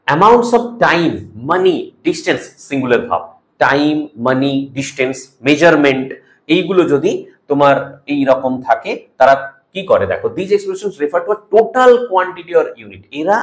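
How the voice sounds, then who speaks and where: A man with a Bengali accent teaching English grammar rules for an exam, explaining each rule and reading example sentences slowly and deliberately, checking in with "okay?" as he goes. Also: fairly high pitch. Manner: mixes English terms into Bengali, asks "ok?" often. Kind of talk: exam-prep grammar lesson.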